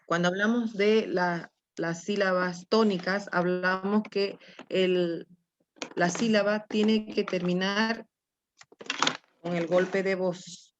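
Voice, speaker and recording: A woman teacher takes students through a grammar lesson at a slow, deliberate pace. She coaxes answers out of them gently and keeps checking that they follow. The recording sounds dull and lo-fi. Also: mid-range voice, steady tone, a little hiss or hum. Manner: patient, coaxing, with check-ins like "¿no?" and "mi amor".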